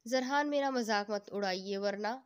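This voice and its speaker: A woman's voice: mid-range voice, normal speed, clear, resonant tone, close to an everyday voice. A woman reading the lines of an affectionate, easily upset young wife. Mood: pouting, emotional. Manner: pouting, emotional.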